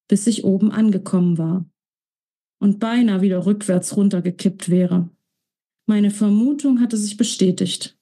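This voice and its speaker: A woman author reading aloud from her own romance novel in a calm, measured storytelling voice. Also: mid-range voice, breathy edge. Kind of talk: audiobook-style reading.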